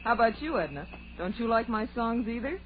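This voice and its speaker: A woman's voice: fairly high pitch, expressive, brisk, close to an everyday voice. An actress playing a brash, slangy, teasing young city woman in a 1940s radio drama. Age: young adult. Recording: noisy, tinny 1940s radio recording.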